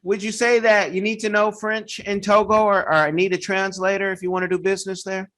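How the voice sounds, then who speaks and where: A man hosting a podcast interview, asking questions in a relaxed way and drawing out his phrases. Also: high voice, fairly quick. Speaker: host.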